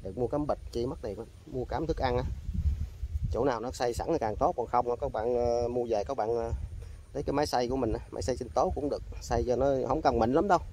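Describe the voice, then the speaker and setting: A man chatting to viewers while fishing outdoors, often bursting into excited exclamations. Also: medium pitch, fast talker, slight background noise. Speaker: fishing vlogger. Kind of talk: casual fishing vlog talk to viewers. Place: outdoors by water among trees.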